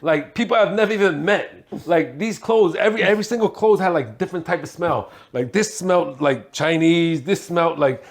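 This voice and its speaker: Gravelly streetwise man from Hong Kong. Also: fairly high pitch, fairly quick, few pauses. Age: 40s. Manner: streetwise, laughs while telling stories. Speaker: guest. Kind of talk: casual interview.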